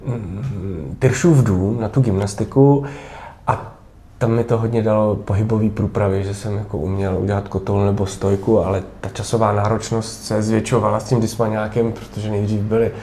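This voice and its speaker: A man's voice: on the low side, steady tone, warm tone. A man in his thirties, an actor answering interview questions thoughtfully with hesitations and restarts. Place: theatre backstage room. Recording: echoey room.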